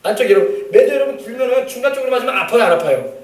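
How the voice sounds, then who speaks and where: A man's voice: extremely high pitch, animated, very fast. A male pastor preaching a sermon, emphatic, calling for amens and acting out family quotes. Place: church sanctuary. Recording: echoey church sound from a distant mic.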